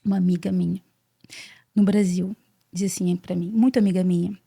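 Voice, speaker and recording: This is a gravelly, fry-tinged Brazilian woman in her forties, a podcast guest who recounts her life in an earnest, animated way. Her voice is dark and mellow, and she keeps repeating words as she talks. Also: on the low side, a little fast. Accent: Brazilian Portuguese. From Brazil (Salvador, Bahia). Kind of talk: casual interview storytelling.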